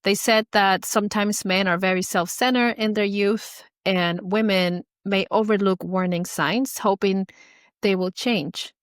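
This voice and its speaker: A woman hosting a podcast, speaking gently and reassuringly to her co-host and her listeners. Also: mid-range voice, steady tone, unhurried, clear, resonant tone, dry recording, clean studio sound. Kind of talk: supportive podcast conversation.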